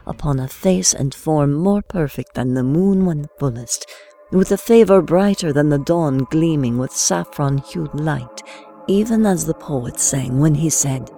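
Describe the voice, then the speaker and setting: In an audio drama, a woman plays a wealthy lady recounting her tale in measured, ornate, archaic English, her voice sitting low.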